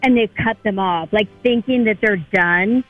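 A man's voice: sits high, normal speed, phone-quality sound, faint music behind. A man calling a radio show, talking in a very casual, conversational style. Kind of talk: casual chat.

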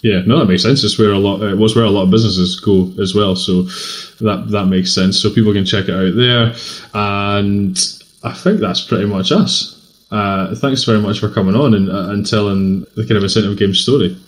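A man's voice: lowish voice, moderate pace. A man with a Scottish accent hosting a podcast, chatting casually with a guest and using lots of fillers. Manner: relaxed, chatty, filler-heavy. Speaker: podcast host. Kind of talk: casual interview chat.

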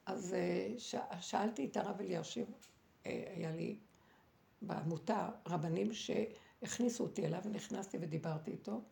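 A woman's voice: on the low side, very animated, vocal fry, mellow. A middle-aged woman giving an impassioned religious talk mixed with personal testimony, dramatic and exhorting, with fillers and restarts. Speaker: religious speaker and former seminary head.

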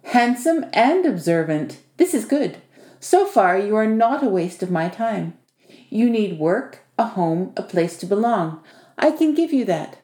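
Voiced by a woman, this short, bossy male house spirit from a storybook teases wryly and uses a foreign turn of phrase. Her natural, mid-range voice carries a mellow tone that sounds proud and generous, echoing in the room, as audiobook character dialogue.

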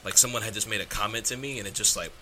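A young man in his twenties co-hosting a podcast, animated and quick to agree. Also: on the low side, a little hiss or hum. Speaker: podcast co-host. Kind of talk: casual chat.

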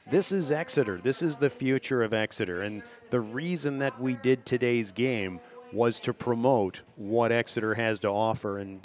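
A man announcing a local high school football broadcast, steadily reading off player names and opponent stats. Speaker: play-by-play announcer. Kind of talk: local sports broadcast commentary.

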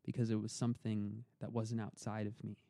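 A man's voice: on the low side, monotone, fairly quick, gravelly, dark tone, no echo. A young man, a podcast guest, telling his story in an earnest, reflective way, often repeating words as he gathers his thoughts. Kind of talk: storytelling in a casual interview.

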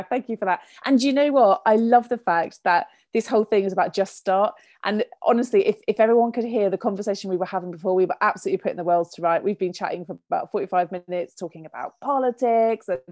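A British woman, a business coach, talking as a podcast guest over a remote call, with frequent laughs and quick bursts of speech. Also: on the high side, dry recording. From United Kingdom. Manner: warm, laughs often, fast bursts. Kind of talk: casual podcast chat.

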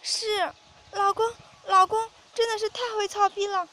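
A frightened young woman, played by a woman narrator, pleads in a very high, crying voice that rises loud and sharp. This is a storybook-style audio drama read aloud, and the voice stays submissive and tearful throughout. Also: flat delivery, normal speed, slight background noise.

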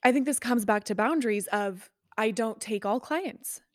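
A woman's voice: fairly high pitch, normal speed, dry recording. Effusive woman host, dry sound. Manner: effusive, enthusiastic. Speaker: podcast host. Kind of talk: podcast interview.

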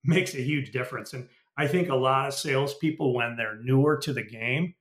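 A man's voice: medium pitch, normal speed, fairly bright tone. Candid middle-aged man in a roomy space. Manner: candid, anecdotal, many restarts and "you know". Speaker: podcast guest, retired tech sales executive. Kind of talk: casual storytelling interview. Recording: roomy echo.

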